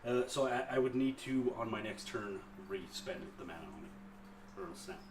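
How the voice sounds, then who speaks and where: A man's voice: fairly low pitch, lively intonation, normal speed. Guy at a tabletop game reading his spell out, casual, roomy echo, hissy. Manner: casual, unsure, reading rules aloud. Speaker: player. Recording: echoey room, distant mic, clear hiss.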